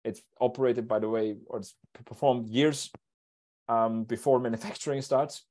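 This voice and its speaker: A man presenting a technical talk at an online seminar in a steady, explanatory way, over a video call. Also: mid-range voice, moderate pace. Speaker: invited speaker.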